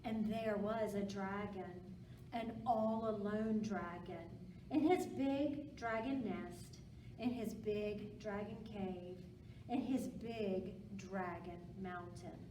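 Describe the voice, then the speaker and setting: A woman reads aloud at a young children's storytime, speaking slowly, simply, and encouragingly in a medium-pitched voice. The recording has a roomy echo, a distant mic, and background noise.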